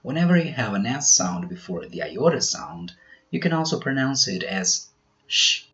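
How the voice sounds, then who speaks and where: A man teaching pronunciation in a scripted quiz, slowly over-articulating each example word. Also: medium pitch, sing-song, muffled recording. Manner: slow, careful, over-articulated delivery of example words.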